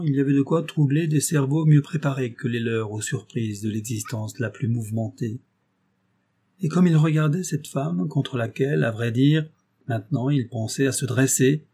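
Dark, husky-voiced male narrator. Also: medium pitch. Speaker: audiobook narrator. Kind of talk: scripted narration.

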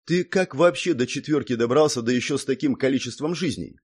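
A man's voice: mid-range voice, slightly rough, voice pushed up, lightly acted. A man reading an audiobook, voicing a brash, teasing young blonde woman who snorts and scoffs. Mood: incredulous. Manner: snorting, exclaiming, quick to scoff. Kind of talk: audiobook character voice.

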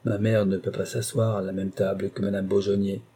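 A man reading an audiobook who voices a calm, dignified young magistrate speaking in a cool, composed, firm way. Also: low-pitched, fairly quick, breathy edge.

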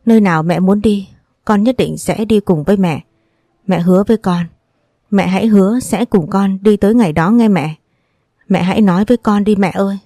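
A woman's voice: medium pitch, a little fast, mellow, no room sound, studio quality, lightly acted. A woman voicing a grieving teenage girl who pleads tearfully with her dying mother. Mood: pleading.

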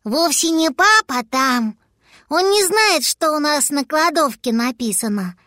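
A woman's voice: high-pitched, animated, a little slow, sharp tone, no echo, studio quality, pitched above the performer's own voice, full character voice. A woman voicing a small, timid, childlike young dragon in a storybook. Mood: naive.

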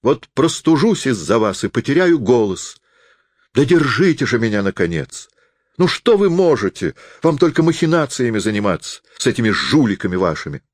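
A man voicing a capricious, quarrelsome young actress who speaks in shrill, indignant outbursts. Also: sing-song, normal speed, no echo, clean studio sound.

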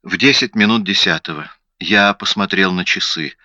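A man's voice: deep voice, normal speed, pushed and bright, no room sound, lo-fi sound. Man reading a timid, meek little husband. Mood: careful. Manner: hesitant, apologetic. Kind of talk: audiobook character reading.

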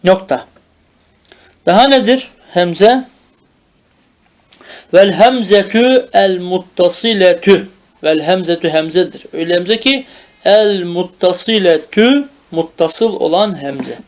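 A man teaches grammar in the old madrasa manner, with a high voice. He speaks slowly and draws out each term. He keeps asking whether the point is understood. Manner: drills terms slowly, asks checking questions. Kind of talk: traditional madrasa-style grammar lesson.

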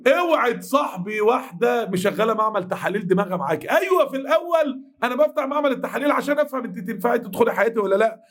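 A man in his thirties with an Egyptian accent, giving a mosque lesson in an animated, blunt manner and acting out dialogue. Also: very high voice, racing, hardly any pauses. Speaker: preacher.

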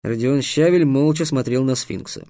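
A man reading a fantasy story aloud in an even, measured way. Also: medium pitch, no echo, studio quality. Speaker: audiobook narrator. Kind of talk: scripted narration.

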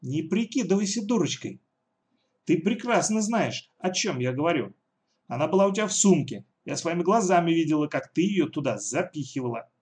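A man voicing a cruel, bossy adult woman kidnapper who shouts threats. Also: on the high side, animated, moderate pace, voice pushed up, natural voice. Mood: threatening.

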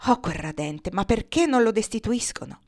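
A woman doing a lively, outspoken schoolgirl. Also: medium pitch, moderate pace, lightly acted. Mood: exclaiming. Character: excitable, outspoken young female student.

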